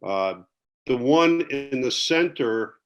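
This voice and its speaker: Male applicant on a video call, mid-pitched and halting; dull, lo-fi audio full of crackle and dropouts. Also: expressive, clean tone. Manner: halting, with many restarts. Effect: choppy audio cutting in and out with crackle. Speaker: applicant presenting building plans. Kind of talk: explaining plans at a public meeting.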